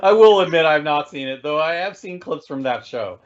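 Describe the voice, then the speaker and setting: A man co-hosting a podcast, speaking in a measured, reflective way with frequent pauses to think. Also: a little high, expressive, lo-fi sound. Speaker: podcast co-host. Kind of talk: casual podcast discussion.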